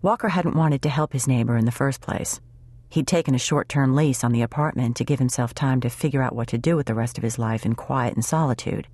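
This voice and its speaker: A woman narrates a contemporary romance audiobook in an even, measured way. Her voice sits very low. The recording is close and dry, with no room sound. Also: husky, no echo.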